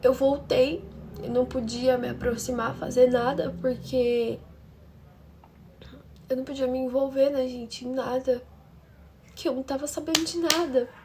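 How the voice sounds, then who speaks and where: Uma mulher brasileira que conta de forma dramática uma história pessoal, falando diretamente com as ouvintes. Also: female voice, sits high, fairly even intonation, moderate pace, long pauses, darkish tone, a little hiss or hum. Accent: Brazilian Portuguese. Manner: dramatic, talks straight to her listeners. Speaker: storytelling channel host. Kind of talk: emotional first-person storytelling.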